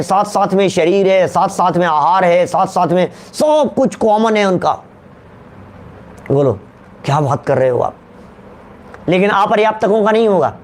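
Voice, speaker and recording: A man giving a religious teaching lecture, repeating key terms, slowing down to stress them and asking his listeners questions. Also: high voice. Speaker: Jain scholar giving a discourse.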